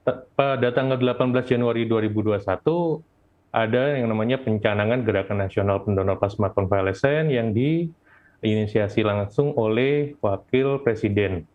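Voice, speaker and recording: A man's voice: lowish voice, normal speed. An Indonesian man presenting informally in a webinar, his voice muffled by a face mask. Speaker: volunteer presenter. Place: at home. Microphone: video call. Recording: dull, lo-fi video call.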